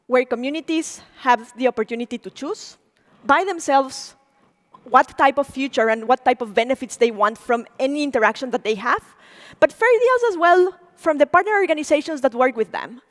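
Walking the stage of a large auditorium with a stage mic, a woman in her forties, native in Spanish, gives a spirited public lecture as program director and asks the audience questions. Her voice sits high, and the hall leaves a long reverb.

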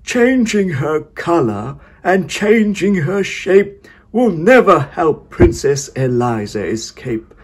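A wicked, gloating storybook wizard, speaking high and unhurried, dragging out every word with menace. The voice is husky and swoops widely in pitch. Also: male voice, sing-song, heavily acted. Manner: slow, drawn-out, booming menace. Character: wicked cackling male wizard, cruel and gloating.

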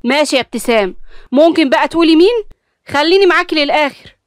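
A woman's voice: high voice, expressive, fast, no room sound, clean studio sound, pitched above the performer's own voice. A woman with an Egyptian accent voicing an irritated middle-aged father in an audio story. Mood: exasperated. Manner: exasperated, loud.

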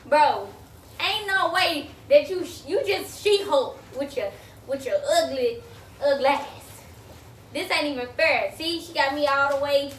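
A young woman vlogging, talking loudly in playful, protesting banter with her cousin. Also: high voice, animated, unhurried, slight background noise. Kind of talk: casual challenge vlog. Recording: echoey room from a distance.

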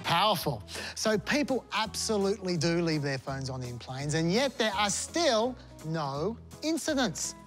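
A man's voice: high voice, very animated, unhurried, fairly bright tone, faint music behind. A man in his forties with an Australian accent, presenting a scripted comic explainer to camera in a sarcastic, mock-indignant way. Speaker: comedy presenter. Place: airport lounge and plane cabin.

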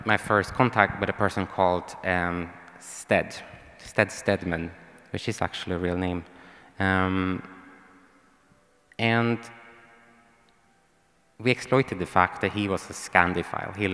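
This young man from Sweden, Swedish accent audible, has a low and slightly bright voice, fairly even in intonation and slow in pace. Holding a handheld mic on stage in a large hall, he gives a hesitant panel talk with many ums and restarts, echoed by long hall reverb.

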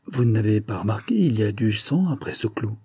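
A man's voice: fairly low pitch, expressive, fairly quick, dark tone, breathy edge, no room sound, studio quality. A man voicing a cunning middle-aged widow who speaks in a coaxing, insinuating way in an audiobook.

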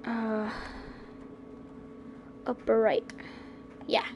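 A woman streaming a survival game, chatting casually to herself with excitable reactions and mild cursing. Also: fairly high pitch, extremely slow, highs cut off, noisy background. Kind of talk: casual gameplay commentary.

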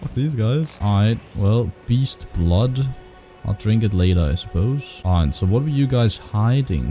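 Man, lowish mellow voice, casual profane game commentary, excitable, heavily compressed close mic, music behind. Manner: excitable, exclaiming, talks to himself and the game. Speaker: gaming video host.

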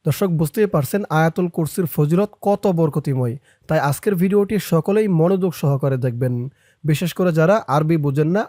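With a mellow, mid-range voice, a teacher runs a step-by-step recitation lesson, chatting quickly between slow chanted phrases and having viewers repeat each. The recording is dry, with clean studio sound.

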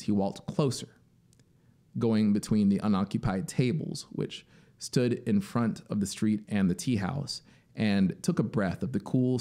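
With a lowish, creaky, dark-toned voice, a narrator and musician in his thirties reads a literary story in a deliberate, dramatic manner, elongating key words. He's indoors in a small home studio, close to a studio microphone on a boom arm, with synthesizer soundscape music behind the voice.

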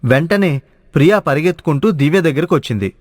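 A male narrator with a slightly high voice tells a family cartoon story in an even, measured way. The recording is dry and close, with no room sound. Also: dry recording.

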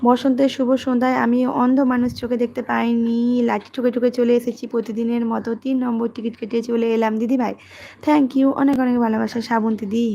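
A woman, hosting a casual livestream, reading comments and talking softly and quietly. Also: gravelly, lo-fi sound, slight background noise. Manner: soft, low-volume talk, as her daughter is studying. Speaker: livestream host.

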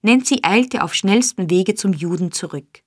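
A woman narrating a classic novel as an audiobook, in a measured, even storytelling manner, on a close studio mic. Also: mid-range voice, husky, no echo. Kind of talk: scripted narration.

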